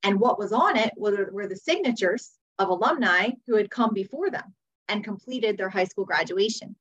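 A woman's voice: mid-range voice, expressive, moderate pace, fairly bright tone, breathy edge. An American woman in her forties telling her story conversationally as a podcast guest, on slightly dull audio. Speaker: podcast guest, teacher and author.

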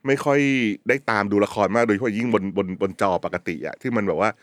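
A man from Thailand answering interview questions, thinking aloud quickly with repeated words and casual slang. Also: fairly low pitch, no room sound, clean studio sound. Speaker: streaming company content director, guest.

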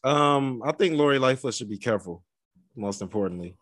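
A man's voice: medium pitch, animated, brisk, fairly bright tone, no echo. Dry-sounding man in casual podcast chat. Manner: slangy, conversational. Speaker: podcast co-host.

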